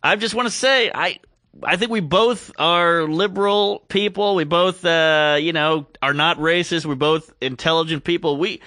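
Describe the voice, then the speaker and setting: Bright, wry man. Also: a little high, normal speed, no echo. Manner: wry deadpan quips. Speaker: podcast co-host. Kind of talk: casual comedic chat.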